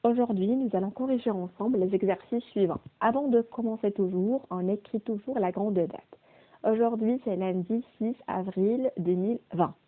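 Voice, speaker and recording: A woman teaching a primary school phonics lesson, slowly repeating and stressing each word's sounds. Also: mid-range voice. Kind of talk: slow, deliberate remote phonics lesson. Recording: phone-quality, narrow-band audio.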